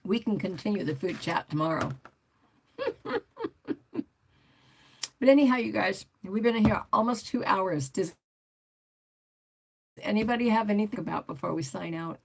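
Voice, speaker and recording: Older woman, livestream host, rambling and chatty, with a gravelly, husky voice. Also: medium pitch, animated, normal speed, pauses often. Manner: rambling, chatty, reads out viewer comments. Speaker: motorcycle vlogger hosting a livestream. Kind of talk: casual livestream chat.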